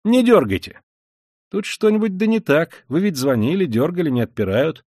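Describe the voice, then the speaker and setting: A man reading an audiobook, voicing an excitable young law student who talks loudly and insistently. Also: a little high, dry recording, studio quality, pitched above the performer's own voice. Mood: eager, urgent. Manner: loud, quick, insistent.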